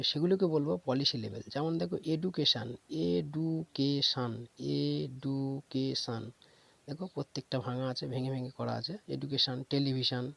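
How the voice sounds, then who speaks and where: A man gives a grammar lecture in a slightly high, gravelly voice. He asks rhetorical questions and answers them, and he slowly repeats example words so students can follow. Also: no echo. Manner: explains step by step, asks and answers his own questions. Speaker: English grammar teacher. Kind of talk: classroom lecture.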